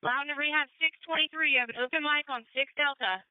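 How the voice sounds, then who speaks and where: A woman's voice: sits high, steady tone, fast, dry recording. A woman working as an emergency dispatcher, making formal procedural announcements over a crackly, military-style radio. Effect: crackly two-way radio. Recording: dull, crackly radio scanner audio.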